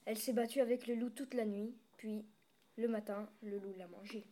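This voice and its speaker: A woman's voice: medium pitch, steady tone, normal speed, mellow, slight background noise, natural voice. A woman reading a fretful old goat farmer. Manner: pleading, exasperated. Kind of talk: storybook reading.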